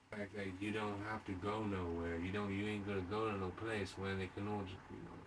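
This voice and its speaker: Hosting his podcast alone, this late-thirties man talks in a loose, unscripted monologue, stopping to restate things and asking his audience questions. His voice leans low, and the far-off microphone catches faint noise in the background.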